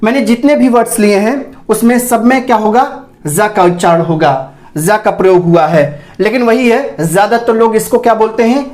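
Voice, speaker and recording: A man teaching a pronunciation class, asking himself questions and repeating each sound slowly for the learner. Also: high voice, darkish tone. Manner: explains slowly, asks rhetorical questions, repeats sounds for drill. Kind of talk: online class lesson.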